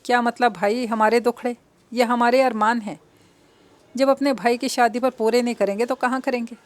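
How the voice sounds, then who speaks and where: A woman's voice: fairly high pitch, steady tone, a little mellow, lightly acted. A woman voicing a spirited young woman who talks in a petulant, sulky way.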